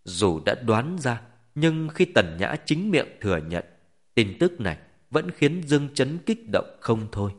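Man, audiobook narrator, expressive, lively intonation, scripted narration. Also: mid-range voice, measured pace. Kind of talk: scripted narration of a web novel.

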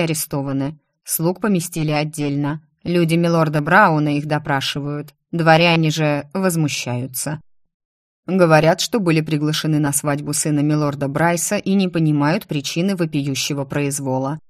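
A woman's voice: low-pitched, steady tone, moderate pace, dry recording, studio quality, lightly acted. A woman reading the part of a soldierly viscount who delivers a formal report in an audiobook.

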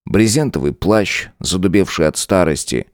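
Deep-voiced male audiobook narrator. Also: animated, normal speed, no echo, studio quality. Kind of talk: scripted narration.

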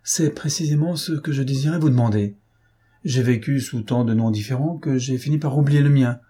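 Man reading a cool, mocking gentleman thief. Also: medium pitch, brisk, breathy edge, lightly acted. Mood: ironic. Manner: dry, mocking irony.

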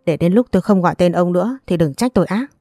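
A woman voicing a middle-aged husband trying to calm a family quarrel in an audio story. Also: fairly low pitch, quick pace, no echo, clean studio sound, faint music behind, natural voice. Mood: placating. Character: middle-aged husband, peacemaker turned stern.

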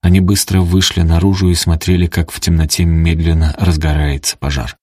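Deep husky guy reading an audiobook, dry close mic, steady dramatic telling. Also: brisk, dry recording. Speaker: narrator.

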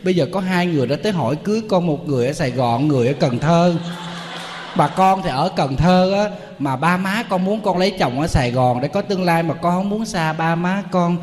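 A man's voice: on the high side, lively intonation, a little fast, a little mellow, long reverb tail, slight background noise, close to an everyday voice. A man doing a flustered young woman. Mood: fretful. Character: anxious young woman seeking advice.

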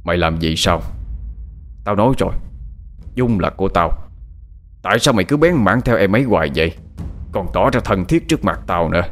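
A man's voice: low voice, animated, a little fast, long pauses, fairly bright tone. A man voicing an arrogant, cruel rich village elder who gloats and barks orders with scorn. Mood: gloating.

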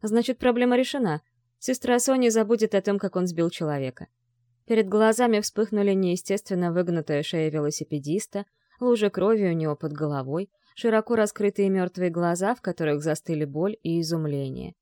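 A woman narrating a dark thriller audiobook in a steady, tense storytelling voice. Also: fairly low pitch, brisk, no echo, studio quality.

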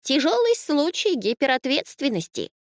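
A woman doing a quirky know-it-all sheep in a children's story. She speaks in high, slow, dreamy pronouncements. The sound is dry and close. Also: big pitch swings, no echo. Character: odd, know-it-all female stray sheep. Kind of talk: storybook reading.

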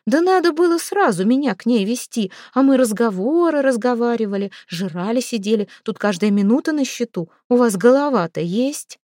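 A woman voicing a sharp-tongued, weary healer who scolds and gives orders in a raised voice. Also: medium pitch, moderate pace, no room sound, clean studio sound, close to an everyday voice. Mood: scolding.

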